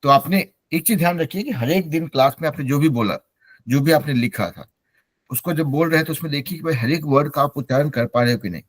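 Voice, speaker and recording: A man's voice: fairly high pitch, fast, slightly rough, dry recording. A middle-aged man, a native Hindi speaker, teaching an online English class and mixing Hindi with English as he encourages his students.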